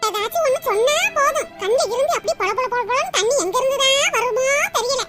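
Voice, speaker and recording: A woman's voice: extremely high pitch, quick pace, fairly bright tone, soft background music. A woman voicing a bitter old mother-in-law in a cartoon, wailing and taunting. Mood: scolding. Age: older. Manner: wailing laments and mocking taunts. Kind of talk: cartoon voice acting.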